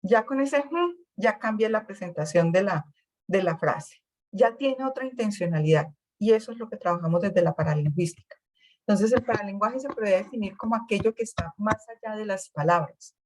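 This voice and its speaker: A woman's voice: fairly low pitch, darkish tone, poor audio. A woman giving a speech therapy class, explaining step by step, often restarting words and checking in with "¿sí?". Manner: explanatory, repeats words while searching, asks "¿sí?". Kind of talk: classroom lecture.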